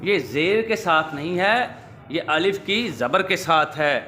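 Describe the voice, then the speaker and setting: A man teaching word pronunciation to children, drawing words out slowly and quizzing with rising questions. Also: on the high side, animated, bright, forceful tone. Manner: slow, drawn-out repetition of words. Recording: echoey room with faint ambience.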